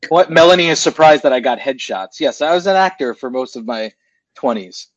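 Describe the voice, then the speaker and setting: A man's voice: mid-range voice, expressive, fairly quick, no echo. Rambling talk-radio man, dull lo-fi sound. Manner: rambling, self-correcting storyteller. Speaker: radio show co-host. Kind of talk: casual chat.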